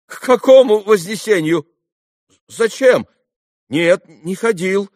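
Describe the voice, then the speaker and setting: A man voicing an agitated, dim-witted young clerk who keeps shouting the same words, in a storybook reading. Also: high-pitched, animated, no echo, clean studio sound, pitched above the performer's own voice. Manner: shouting, repetitive, slow-witted.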